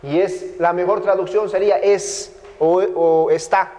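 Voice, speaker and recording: A Bolivian man with a high voice gives a classroom lecture on biblical Greek grammar. He is patient, repeats his points and often stops to ask whether the class follows. His voice trails off into a long reverb. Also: steady tone, a little slow, dark tone. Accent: Bolivian Spanish.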